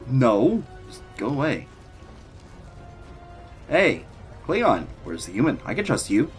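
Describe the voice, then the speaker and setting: A man's voice: mid-range voice, wildly swooping pitch, slow, faint music behind. A man giving casual gameplay commentary, sarcastic and grumbling as he talks back to the characters. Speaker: gamer doing a playthrough.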